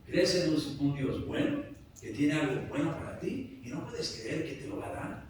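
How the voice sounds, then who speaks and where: A man's voice: on the high side, expressive, normal speed, slight background noise. A pastor preaching a sermon to his congregation, building to emphatic peaks and repeating "brothers" again and again. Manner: preaching with rising emphasis, repeating "hermanos" often. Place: church sanctuary. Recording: very echoey church hall from a distance.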